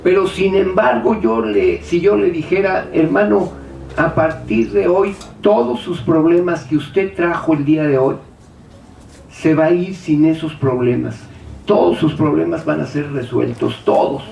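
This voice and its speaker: A man's voice: a little high, animated, measured pace, creaky, a little mellow, a little hiss or hum. A man preaching a sermon, firing rhetorical questions and acting out the doubts of his listeners. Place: church hall. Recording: echoey hall, speaker far from mic.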